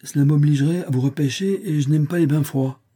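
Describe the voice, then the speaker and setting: A man voicing a calm, self-assured young gentleman who talks in a brisk, mocking way, in a storybook reading. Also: a little high, breathy edge, pitched above the performer's own voice. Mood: calm, ironic. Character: cool, ironic young male gentleman rescuer.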